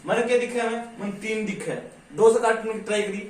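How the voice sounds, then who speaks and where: A man's voice: high-pitched, steady tone, fairly quick. A middle-aged man teaching a maths lesson in with a tinge, patient and always checking that students follow, slipping into rural dialect endings. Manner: patient, checks understanding constantly with "ठीक है?". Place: classroom. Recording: echoey room, mic far off, faint hiss.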